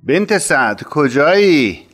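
A man's voice: on the high side, very animated, a bit bright, faint music behind. A man playing a kind honorable master. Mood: gentle. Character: kind, honorable middle-aged master of the house. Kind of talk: storybook narration role.

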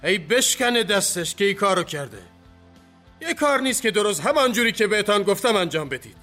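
A man's voice: high voice, very animated, sharp tone, soft background music, exaggerated voice. A man voicing Kak Bahram, a tall, hulking and commanding Kurdish man in an audiobook. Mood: scolding. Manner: commanding, scolding then praising. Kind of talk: audiobook character voice.

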